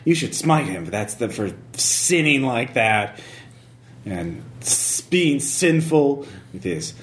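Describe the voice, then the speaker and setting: Prudish, flustered village gossip woman, done by a man for a tabletop game, halting, very animated. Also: medium pitch, roomy sound. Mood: indignant. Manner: halting, scandalized, repeats words.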